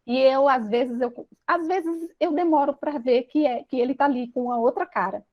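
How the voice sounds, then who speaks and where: High-voiced Brazilian woman giving a confessional talk. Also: lo-fi sound. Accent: Brazilian Portuguese. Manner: earnest, confessional, with restarts and tender pauses. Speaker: speaker of a self-help talk. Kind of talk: personal teaching talk to an audience.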